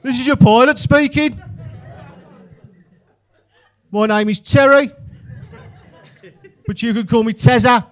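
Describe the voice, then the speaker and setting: Man doing a high, cheery Brummie airline pilot. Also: slow pace, pauses often, some chatter behind. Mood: cheery, bumbling. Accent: Birmingham Brummie. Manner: over-friendly, hesitant cabin announcement. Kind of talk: stand-up comedy character bit.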